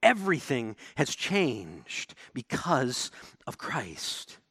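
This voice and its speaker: A man preaching a sermon as pastor, animated, swinging between emphatic declarations and low, quiet lines. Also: a little slow, no room sound.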